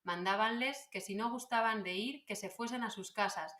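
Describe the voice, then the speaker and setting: Woman with a Spanish accent, roomy sound. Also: mid-range voice. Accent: Spanish from Spain. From Salamanca, Spain. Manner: quick reactive interjections, steady reading aloud. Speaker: podcast co-host. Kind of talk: casual history podcast chat. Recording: roomy echoing room.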